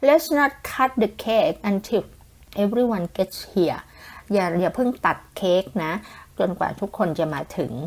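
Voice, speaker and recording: A woman with a Thai accent, explaining English vocabulary in Thai as a podcast host, in a slow, patient way with frequent polite particles and spelled-out words. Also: on the low side, animated, creaky.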